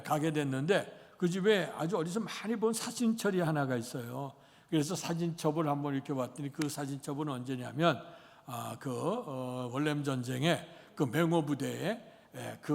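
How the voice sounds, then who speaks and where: A man's voice: medium pitch, vocal fry, darkish tone. A man in his sixties preaching a Sunday sermon as pastor, rambling through an anecdote with many fillers. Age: 60s. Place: church sanctuary. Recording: long church hall reverb.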